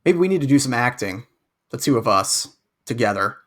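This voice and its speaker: A man's voice: mid-range voice, very animated, fairly quick, a bit bright. A man co-hosting a podcast, chatting casually and thoughtfully over a remote call, often repeating words as he hesitates. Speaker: podcast co-host.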